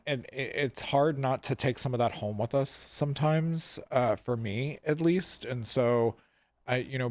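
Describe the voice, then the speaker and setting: A man's voice: mid-range voice, dry recording, clean studio sound. A man hosting a podcast in casual chat, speaking hesitantly with many "uh" and "um" fillers. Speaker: podcast host.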